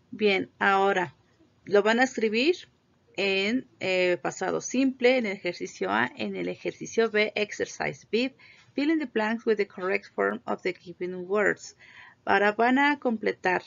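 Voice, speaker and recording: A woman teaching an English grammar lesson, patiently repeating each word slowly for pronunciation. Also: mid-range voice, gravelly, a bit bright. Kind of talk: slow classroom lesson explaining grammar. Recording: dull lo-fi recording.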